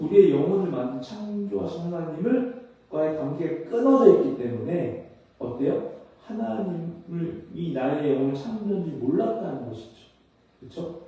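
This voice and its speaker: A man's voice: high voice, warm tone. A man preaching a conversational sermon as pastor, often asking his listeners questions and acting out little scenes of dialogue. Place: church hall. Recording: echoey church room, mic at a distance.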